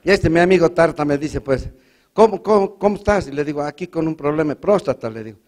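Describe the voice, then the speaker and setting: A man's voice: a little high, fast, darkish tone. A man from Bolivia with a Bolivian Spanish accent, performing a stand-up routine, telling folksy stories and doing a stutter and other voices for the characters. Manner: storytelling with funny voices and mock stutter. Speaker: stand-up comedian.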